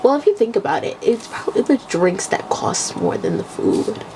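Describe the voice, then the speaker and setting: A young woman co-hosts a laid-back podcast, talking bluntly and swearing freely as she animatedly retells her week. Her voice sits at an ordinary middle pitch for a woman. Faint background noise hums under the recording. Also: wildly swooping pitch, normal speed, creaky. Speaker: podcast co-host. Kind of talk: casual chat.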